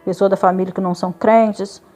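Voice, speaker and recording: A woman's voice: medium pitch, fairly even intonation, fairly quick, mellow. A woman giving a religious testimony, telling her story with feeling and acting out the other people's words. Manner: emotional storytelling, retelling dialogue with quoted voices. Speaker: church member giving testimony.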